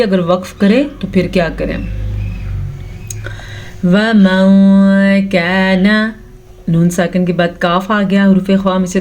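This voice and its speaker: A woman teaching Quran recitation with tajweed, patiently explaining each rule step by step and drawing out the recited verses very slowly. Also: mid-range voice, darkish tone. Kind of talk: tajweed lesson with slow recitation.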